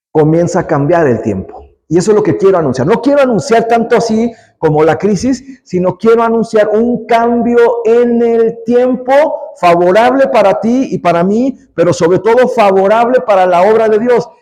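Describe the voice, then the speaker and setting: High-voiced pastor preaching. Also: male voice, poor audio. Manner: emphatic preaching, rising loud on key lines; conversational asides to the congregation. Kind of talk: sermon.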